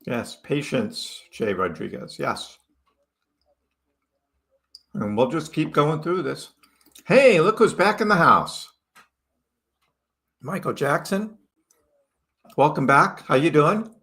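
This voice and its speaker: Hosting his crypto livestream, this Chicago man casually reads out comments and greets viewers by name. His fairly high voice is gravelly and sharp, very animated, and slow, with long pauses.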